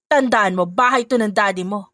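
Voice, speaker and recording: A woman's voice: mid-range voice, normal speed, dry recording, lightly acted. A woman voicing a scheming stepmother who snaps scornfully at her stepdaughter and turns sweet on phone calls. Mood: scolding. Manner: sharp, scornful, sugary when on calls.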